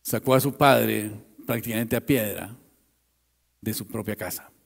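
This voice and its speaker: Gravelly pastor preaching a dramatic sermon. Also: male voice, lowish voice, measured pace, long reverb tail. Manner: dramatic storytelling, swinging from loud to hushed.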